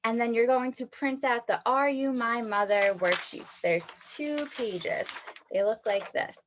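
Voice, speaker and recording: A woman teacher leads an online read-aloud for young children, speaking slowly and clearly. Her voice sits a little high, and she keeps asking questions and praising every answer. The sound through her computer mic is dull and lo-fi. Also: background noise.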